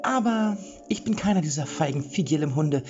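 A man voicing a boastful, sneering male bandit in a high falsetto, reading a storybook. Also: lively intonation, moderate pace, highs cut off, music in the background, natural voice. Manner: pompous, sneering, lecturing.

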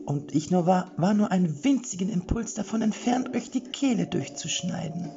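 A man voicing a boastful, sneering male bandit in a high falsetto, reading a storybook. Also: animated, moderate pace, creaky, muffled recording. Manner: pompous, sneering, lecturing.

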